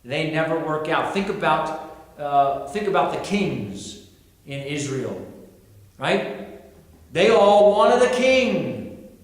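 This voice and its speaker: A male pastor delivers a sermon in a measured, unhurried way, his voice a touch higher than most men's. He retells scripture with earnest rhetorical questions. The sound rings around a large church hall with a long reverb. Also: animated. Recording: echoey hall.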